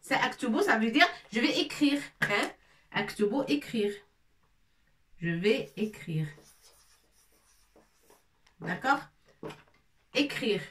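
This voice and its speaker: A woman teaching a lesson in French, slowly drilling syllables as she writes on a board. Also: on the high side, expressive, a bit bright, slight background noise. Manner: slow, repetitive, drilling syllables. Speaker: Arabic teacher. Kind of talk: casual classroom lesson, writing on a board. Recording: echoey room, mic at a distance.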